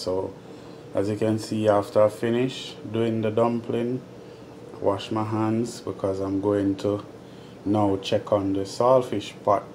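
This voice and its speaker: A Jamaican man hosting a casual home cooking vlog, talking viewers through each step in his kitchen with a relaxed manner. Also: fairly low pitch, slight background noise. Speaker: home cooking show host. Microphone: phone camera held over the stove. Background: pots boiling and sizzling.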